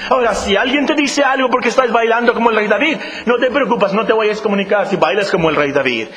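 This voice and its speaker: A man's voice: high-pitched, fast talker, fairly bright tone. A man preaching a sermon as pastor, speaking straight to his congregation and driving points home with repetition. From Mexico. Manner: preaching with emphatic repetition, addressing the congregation directly. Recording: long hall reverb, faint hiss.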